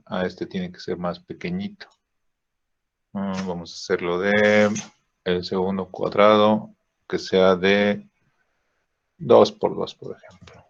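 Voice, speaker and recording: Slow man teaching a drawing lesson. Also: sits low, creaky. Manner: slow, checks in with frequent "¿sí?" and "¿no?"; thinks aloud with "este" fillers while clicking. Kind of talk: screen-recorded drawing software lesson. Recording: dull lo-fi recording.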